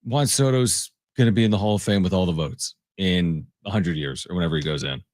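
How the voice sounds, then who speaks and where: A man hosting a casual sports talk radio show in a studio, chatty and quick to laugh. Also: low-pitched, no echo. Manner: chatty, laughs often, animated.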